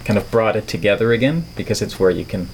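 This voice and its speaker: Guesting on a podcast, a middle-aged artist and filmmaker from the Netherlands talks with a neutral American accent, reflective and playful, wordy in his phrasing. His fairly low, darkish voice moves at a quick pace, and there's a little hiss or hum.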